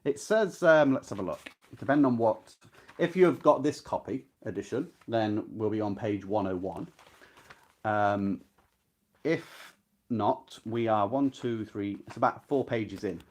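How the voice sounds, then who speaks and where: Here a book readalong host talks in a lowish voice at a slightly slow pace. It's a relaxed literary chat with brief passages read out, and he keeps it conversational, regularly turning to ask the listener questions.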